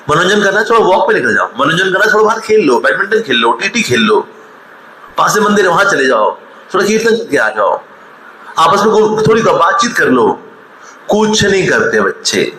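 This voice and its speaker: A man's voice: on the high side, sing-song, normal speed, sharp tone, slight background noise. A man in his forties giving a motivational talk, scolding and mocking, telling stories. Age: 40s. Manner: scolding, mocking, switching between storytelling and rebuke. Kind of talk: lively motivational talk with acted quotes. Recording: echoey hall, faint ambience.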